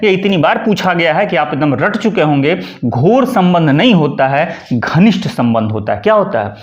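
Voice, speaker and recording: A man's voice: fairly high pitch, highs cut off. A man teaching Hindi grammar in an exam-prep class, explaining with everyday examples, repeating key words and asking himself questions. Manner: repeats key words and says "ठीक है" often.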